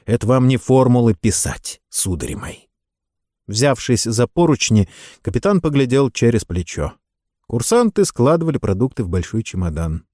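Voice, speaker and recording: Expressive male audiobook narrator. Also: medium pitch, moderate pace, dry recording, clean studio sound.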